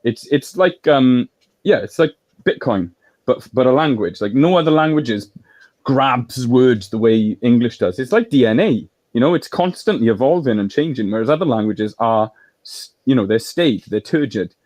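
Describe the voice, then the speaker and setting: A man's voice: mid-range voice, animated, normal speed, darkish tone, no room sound. A man from Wales in a political discussion, explaining at length in a lecturing way.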